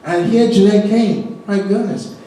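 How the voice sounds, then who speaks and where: A middle-aged man delivers a sermon with a fairly high voice, telling stories with animation and laughing often. He restarts and repeats his words as he goes. The recording is echoey, like a large hall picked up from a distant mic. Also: unhurried, dark tone. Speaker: pastor.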